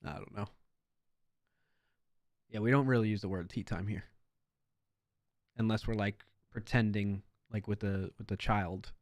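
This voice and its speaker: A man's voice: fairly low pitch, steady tone, unhurried, pauses often, no room sound, studio quality. A man hosting a live coding stream, chatting casually with viewers and rambling between tasks. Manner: chatty, talks to chat, rambling asides. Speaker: livestream host.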